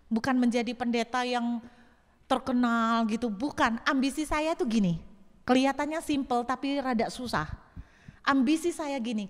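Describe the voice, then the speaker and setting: A woman pastor preaching a lively sermon to a church congregation, slipping English phrases into her talk. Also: a little high. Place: church hall. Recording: long church-hall reverb.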